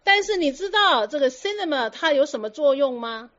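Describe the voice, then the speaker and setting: A woman's voice: high-pitched, animated, normal speed, fairly bright tone, highs cut off. A woman giving a Buddhist dharma talk to students, firing teasing rhetorical questions and slipping in English words. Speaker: Buddhist teacher.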